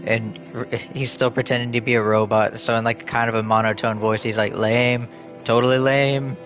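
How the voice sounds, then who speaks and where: A man's voice: fairly low pitch, level tone, brisk, over music. A man streaming a video game, chatting casually in a rambling, profane, joking way. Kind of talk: casual chat while gaming.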